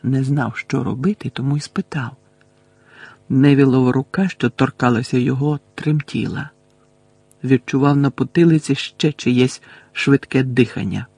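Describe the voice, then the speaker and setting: A man reading a fantasy novel aloud as an audiobook narrator, steady and measured. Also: mid-range voice, vocal fry, breathy edge, dry recording.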